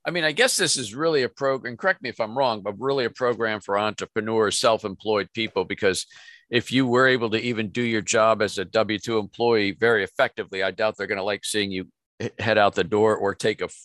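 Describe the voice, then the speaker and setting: A man's voice: fairly low pitch, steady tone, a bit bright, no room sound, studio quality. A man hosting an interview show, asking rambling, conversational questions that often stop and restart. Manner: halting, rambling questions with self-corrections. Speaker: radio show host, interviewer.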